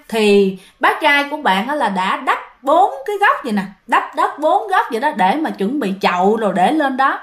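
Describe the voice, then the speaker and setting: A woman with a Southern Vietnamese accent, telling ghost stories in a chatty way, often addressing her listeners. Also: high voice. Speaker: storyteller and channel host. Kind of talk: casual ghost-story narration.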